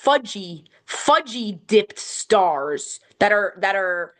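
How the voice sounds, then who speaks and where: A young woman co-hosting a podcast, ranting in an animated, exasperated way with casual swearing. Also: medium pitch, slow. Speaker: podcast co-host. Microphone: home recording, on camera.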